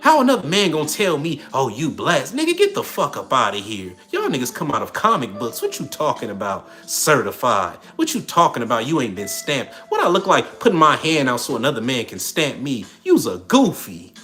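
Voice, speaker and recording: A man's voice: medium pitch, wildly swooping pitch, fairly quick, few pauses, pushed and bright, soft background music. A man hosting a livestream in casual talk, reading and answering chat comments in a streetwise, preachy manner. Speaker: livestream host.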